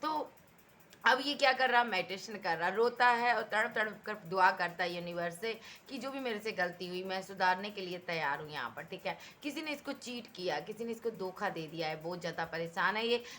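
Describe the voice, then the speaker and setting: A woman's voice: mid-range voice, lively intonation, moderate pace, fairly bright tone, slight background noise. A woman giving a tarot reading, talking emphatically and repeating herself as she addresses the viewer directly. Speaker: tarot reader.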